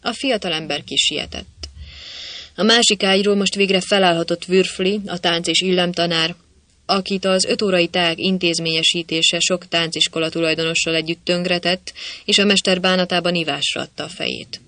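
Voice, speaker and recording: Bright-voiced male narrator, ironic. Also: sits high, dry recording. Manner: ironic, lively storytelling. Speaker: audiobook narrator. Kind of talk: scripted narration of a humorous novel.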